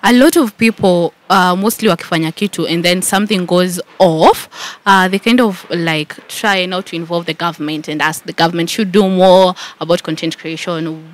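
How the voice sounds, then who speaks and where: A man's voice: high voice, normal speed. A man with a Kenyan accent interviewing a guest, asking friendly questions that mix English and Swahili. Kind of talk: casual interview.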